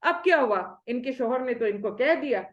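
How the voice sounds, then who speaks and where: Lively woman giving a religious lecture. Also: a little high, highs cut off. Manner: lively, rhetorical questions, acts out quoted speech. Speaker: Islamic studies lecturer.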